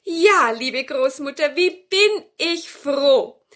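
Tannenmütterchen, a shrill old witch. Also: animated, slow pace, a bit bright, full character voice. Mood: eager. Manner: squealing, urgent and pleading. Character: shrill good old female forest witch.

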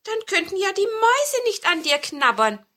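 A woman voicing a kindly, wise little male dwarf in a storybook, speaking gently and reassuringly. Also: extremely high pitch, big pitch swings, normal speed, voice pushed up, full character voice.

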